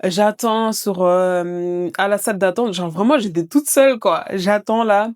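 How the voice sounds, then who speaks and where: A woman's voice: mid-range voice, a little slow, a little mellow, clear, resonant tone. A young woman from Mayotte, a podcast host telling her own life story in a casual, colloquial way, swearing now and then and acting out what others said. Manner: colloquial and candid, swears, acts out the voices of others.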